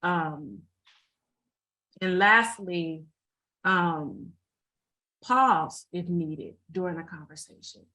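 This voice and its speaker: A woman with a somewhat low voice talks through practical advice as a guest speaker on a video call. Her delivery is informal and halting, full of fillers and restarts, and she often repeats a phrase before moving on. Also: lively intonation, sharp tone, low-quality recording. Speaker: mental health first aid responder, guest speaker. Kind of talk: informal presentation to an online group.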